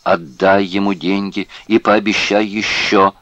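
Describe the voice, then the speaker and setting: An anxious male prisoner speaks earnestly and insistently, as a man reads him in an audiobook. His voice is low and deep. The recording is dry and close. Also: level tone, a little slow, a bit bright, dry recording.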